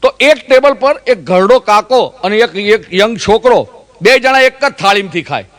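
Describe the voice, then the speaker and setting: High-voiced Gujarati comedian telling jokes. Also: male voice, lively intonation, normal speed, fairly bright tone. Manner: storytelling with mimicked voices of characters. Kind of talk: stand-up joke telling.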